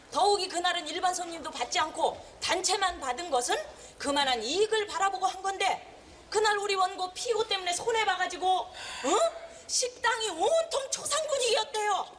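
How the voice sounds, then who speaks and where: A woman's voice: extremely high pitch, fairly bright tone, slight background noise. A woman in a comic courtroom sketch playing a prosecuting lawyer, scolding and accusing with comic indignation.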